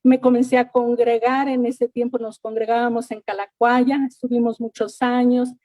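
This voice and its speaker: A woman's voice: a little high, little pitch movement, moderate pace, warm tone, no room sound. A middle-aged woman giving an earnest church testimony, often repeating words and thanking God. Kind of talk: personal faith testimony.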